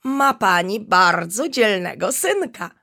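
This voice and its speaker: A woman's voice: a little high, animated, slow, voice pushed up. A woman voicing a kind, caring female elephant teacher who soothes the children in a storybook. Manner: gentle, soothing.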